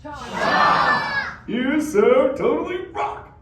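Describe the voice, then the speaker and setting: Performing for a live audience, an actor plays a chill sea turtle father in a very high, heavily acted voice with huge pitch swings and drawn-out words. He's easygoing and playful, slinging surfer slang and drawling "dude" and "bro." The recording has roomy echo, a distant mic, and crowd noise.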